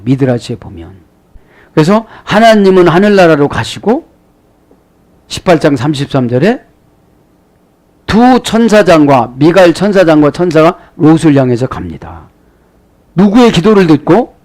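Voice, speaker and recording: A man's voice: on the high side, a little mellow. A male pastor giving an expository sermon, breaking down grammar word by word and prodding the congregation with short questions. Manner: teacherly, parses original-language grammar word by word.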